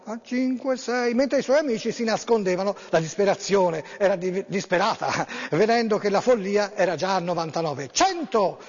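A man hosts a radio show, reading a story aloud and chatting in a rambling, hesitant way full of fillers. His voice is high-pitched with lively intonation, a moderate pace, and few pauses. The recording sounds dull and lo-fi, with long reverb.

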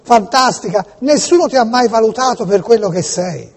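A man with a Tuscan accent making a prank phone call, gushing with theatrical, insistent flattery. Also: sits high, moderate pace, husky. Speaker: prank caller.

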